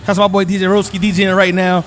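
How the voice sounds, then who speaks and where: A man's voice: high voice, flat delivery, fast talker, fairly bright tone. A man from New York hosting a casual interview, laid-back and affirming. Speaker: host, DJ.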